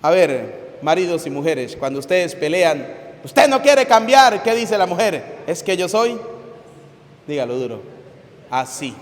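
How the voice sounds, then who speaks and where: A man preaching a homily at mass, his voice sitting fairly high for a man. His delivery is animated, swinging from loud outbursts to hushed asides as he tells stories. The sound rings with a long church reverb. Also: measured pace. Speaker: priest.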